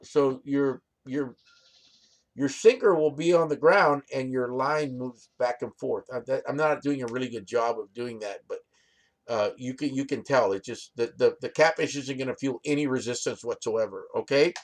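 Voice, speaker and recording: In a mid-range voice at normal speed, a U.S. fishing host walks through his rigs casually. He rambles, restarts, uses plenty of fillers, and repeatedly asks viewers "right?"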